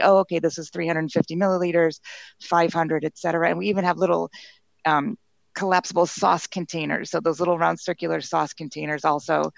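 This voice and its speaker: Creaky-voiced woman, dull dry recording. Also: lowish voice, no echo. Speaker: company founder being interviewed. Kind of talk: conversational interview explanation.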